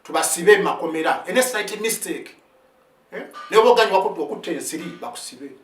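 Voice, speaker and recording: A man's voice: high voice, animated, fast, a bit bright, far from the mic, a little hiss or hum. A man in his fifties, an army sergeant whose first language is Luganda, gives an impassioned spoken account. He mixes Luganda with English phrases and keeps asking "eh?" of his listeners, with stumbling restarts. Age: 50s. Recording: roomy sound, set back from the mic.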